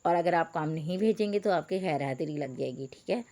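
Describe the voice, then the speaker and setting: A woman's voice: sits low, animated, a little fast, mellow. Patient woman teacher spelling out letters. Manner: addresses pupils as beta. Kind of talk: online reading lesson for young pupils.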